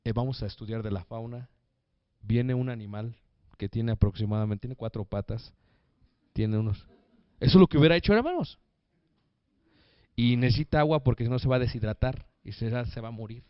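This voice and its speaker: Lively preacher man, smooth voice. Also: mid-range voice, a little fast, long pauses, dry recording, dull audio. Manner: lively, jokey, addresses the congregation as brothers. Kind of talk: sermon.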